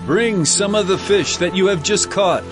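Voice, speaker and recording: A man playing Jesus in a dramatized scripture reading, a calm, tender yet commanding teacher who speaks deliberately and earnestly. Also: high voice, music in the background, natural voice. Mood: calling out, inviting.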